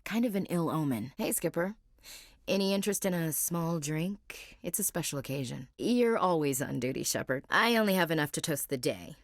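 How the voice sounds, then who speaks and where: Voicing a marine gunnery chief, an actress uses a low voice for this frank, wry young soldier who is plain-spoken and devout. The video game dialogue is studio quality, with no room sound.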